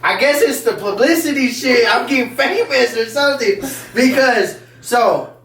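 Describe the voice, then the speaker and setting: High-voiced man telling a rambling story. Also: normal speed, fairly bright tone. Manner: rambling, profane, laughing storyteller. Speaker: podcast host. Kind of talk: casual storytelling chat. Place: room in a house. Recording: echoey room, mic at a distance, faint noise.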